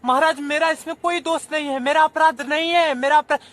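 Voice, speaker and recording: Guy doing a snake begging, says it's not its fault, high bright voice. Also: normal speed. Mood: pleading. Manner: defensive, pleading. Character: venomous snake, pleading its innocence.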